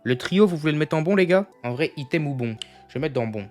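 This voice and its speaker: A man's voice: on the high side, lively intonation, fast, a little mellow, faint music behind. A young man streaming, chatting casually with his viewers and thinking aloud as he goes. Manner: thinks aloud, keeps addressing the chat as "les gars". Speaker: gaming streamer. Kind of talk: casual live chat with viewers.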